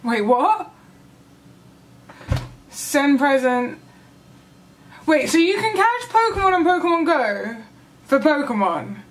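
A woman gaming vlogger reacting live to a trailer, gushing and excitable, with squeals and gasps. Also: high voice, takes it slowly, long pauses.

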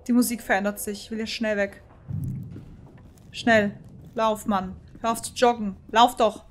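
A woman's voice: mid-range voice, steady tone, a little slow. A woman streamer giving live commentary on a horror game, jittery and talking to her chat, with frightened outbursts. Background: faint game music.

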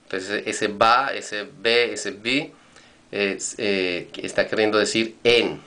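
A man's voice: on the low side, steady tone, takes it slowly, sharp tone. A man teaching Hebrew vocabulary in a recorded lesson, patiently repeating and spelling out words.

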